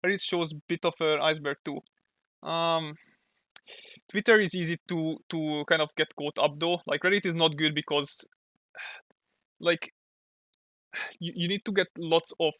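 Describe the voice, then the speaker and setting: Bright Hungarian-accented male streamer. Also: a little high, fairly even intonation, measured pace, long pauses, no room sound. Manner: thinks aloud, sometimes searches for English words. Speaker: streamer and comic artist. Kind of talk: casual livestream chat while drawing.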